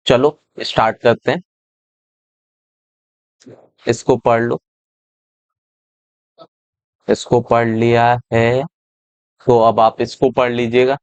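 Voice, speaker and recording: Slow, smooth male teacher. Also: mid-range voice, little pitch movement, darkish tone, no echo. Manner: slow, step-by-step explaining, repeats phrases, reads English lines very slowly. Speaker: English teacher. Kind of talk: exam-prep lesson explaining a reading passage.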